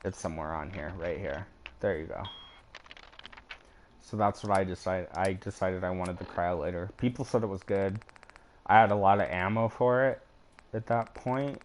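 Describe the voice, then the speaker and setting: A man's voice: low-pitched, moderate pace, pauses often, a little hiss or hum. A man casually talking through a game as a let's play host, rambling and swearing offhandedly, with the hiccups. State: has the hiccups. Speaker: gaming channel host.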